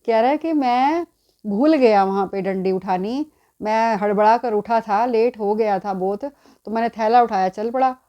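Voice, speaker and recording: A woman's voice: fairly high pitch, a little slow, highs cut off, natural voice. A woman voicing an elderly male devotee who insistently pleads with God in a devotional story. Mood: pleading.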